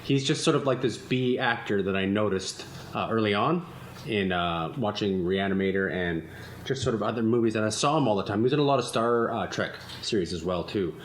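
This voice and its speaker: Hosting a casual podcast in a room with friends, a man rambles and laughs often. His voice is lowish and brisk, and the echoey room carries faint ambient noise.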